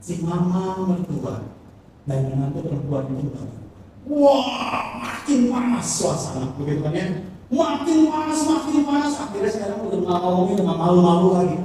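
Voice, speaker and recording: A man's voice: sits high, expressive, moderate pace, warm tone, slight background noise. A man preaching a sermon, telling a humorous story and acting out its characters' lines. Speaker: pastor. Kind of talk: sermon with a told joke. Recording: echoey hall from far off.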